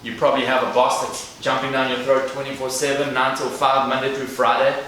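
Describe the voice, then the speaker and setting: Speaking briskly in a level, medium-pitched voice that sounds pushed and bright, this South African guest speaker in his thirties addresses a live audience with earnest, direct motivation. The big event room echoes, and the distant mic catches faint noise.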